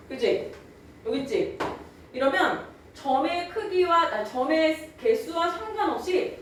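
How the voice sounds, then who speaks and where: A young adult woman, a Korean language teacher, gives a classroom lecture in a chatty style with frequent check-ins with students, drawling out words to demonstrate old pronunciation. Her voice is high. The low-quality recording is very echoey, made far from the mic, with slight background noise.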